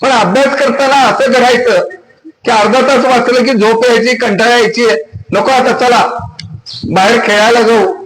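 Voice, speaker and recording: Male preacher, very high voice, emphatic storyteller, roomy echo. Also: steady tone, moderate pace, fairly bright tone. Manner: storytelling, emphatic, repeats phrases. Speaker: kirtan preacher. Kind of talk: devotional sermon to students.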